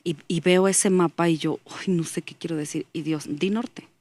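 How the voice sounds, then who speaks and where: Woman, lower-pitched, earnest storytelling, quoting dialogue. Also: steady tone, normal speed, darkish tone. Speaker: guest. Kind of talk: personal faith testimony.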